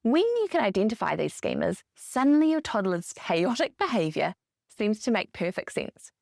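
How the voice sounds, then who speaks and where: A woman's voice: mid-range voice, big pitch swings, normal speed, vocal fry, a little mellow, no echo. Upbeat woman hosting a dry podcast. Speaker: podcast host. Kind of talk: scripted podcast monologue.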